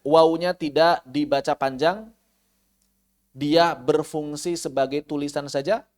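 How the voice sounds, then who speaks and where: A man with an Indonesian accent leads an online tajwid lesson in a slightly raised voice. He explains each rule patiently and slows right down to chant the Arabic examples. Now and then he puts a question to his students. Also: a little high. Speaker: Quran recitation teacher. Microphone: online class microphone.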